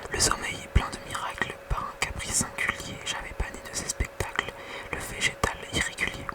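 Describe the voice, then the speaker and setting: Hushed whispered ASMR poetry reader. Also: brisk. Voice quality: soft unvoiced whisper, quiet as at night. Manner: hushed bedtime reading with casual whispered asides.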